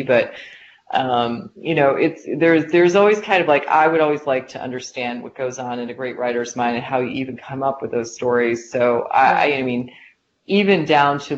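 A woman's voice: very deep voice, muffled recording, a little hiss or hum. A woman guest in a conversational interview, chatty and self-deprecating, with lots of "like" and fillers. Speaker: interview guest, business leader.

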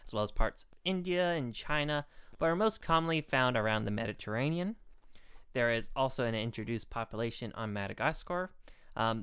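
Very deep, smooth-voiced woman co-host. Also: a bit bright, no echo. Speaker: podcast co-host. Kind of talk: casual explanatory talk from notes.

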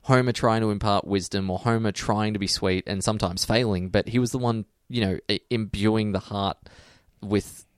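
A man in his twenties co-hosts a podcast, chatting casually and telling stories that ramble and correct themselves. His voice is on the low side, clear and resonant, with fairly even intonation and moderate pace. The recording is dry with clean studio sound.

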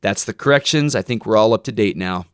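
A man co-hosting a casual podcast, talking in a relaxed, easygoing way and joking at his own expense. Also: fairly low pitch, brisk, clean tone, dry recording, clean studio sound. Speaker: podcast co-host.

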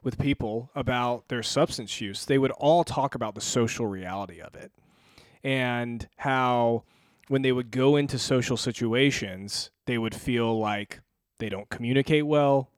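A man's voice: mid-range voice, normal speed, dry recording, studio quality. A man co-hosting a church podcast, speaking in a reflective, affirming way. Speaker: podcast co-host. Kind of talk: casual discussion.

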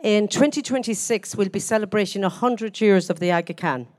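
A woman's voice: medium pitch, fairly quick, a little mellow, dry recording. West of Ireland woman, dry close sound. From Galway, west of Ireland. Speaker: chief executive of a horse show, interviewee. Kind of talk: live on-stage interview.

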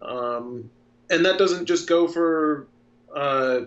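Man, thirties, interview guest, earnest, slightly high voice, muffled lo-fi audio. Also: extremely slow. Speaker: guest filmmaker. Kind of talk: casual interview talk. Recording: dull lo-fi sound.

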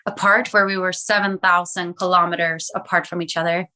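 A woman's voice: on the low side, flat delivery, fairly quick, bright, forceful tone. A young woman from Sweden, a musician guest telling her story in a chatty, enthusiastic way. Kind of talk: casual interview talk.

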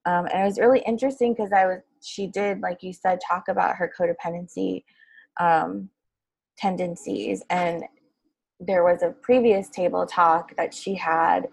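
A woman with a lowish, husky, gravelly voice, co-hosting a podcast. She talks in a chatty, easygoing way and laughs easily. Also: fairly even intonation, moderate pace, low-quality recording. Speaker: podcast co-host, clinician. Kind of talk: casual podcast discussion.

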